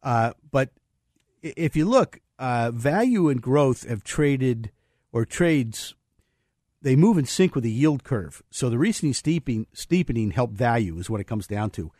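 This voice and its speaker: A man's voice: mid-range voice, expressive, unhurried, darkish tone, no room sound, clean studio sound. A man hosting a financial talk radio show, rambling through market views with many fillers and restarts. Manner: explains market terms plainly.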